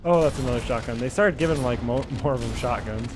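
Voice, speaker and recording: A man co-hosting a gaming video, chatting casually during co-op play, excitable and quick to laugh and shout. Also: mid-range voice, background noise. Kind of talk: casual co-op gameplay banter.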